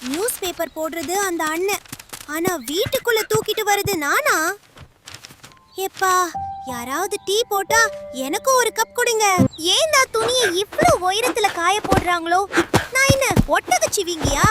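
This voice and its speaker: A woman voicing a cheeky young male pet puppy in a cartoon, with a squeaky, high voice and wisecracking one-liners. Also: lively intonation, moderate pace. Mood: grumbling. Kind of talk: cartoon dubbing. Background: loud children's music.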